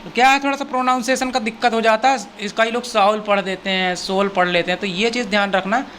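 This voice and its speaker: An English teacher gives a language lesson explained in Hindi, spelling each word letter by letter, repeating it and giving its meaning. Patient and repetitive, the teacher checks in often with "theek hai." The voice is medium-pitched, steady and fairly bright, delivered fast over a little hiss or hum.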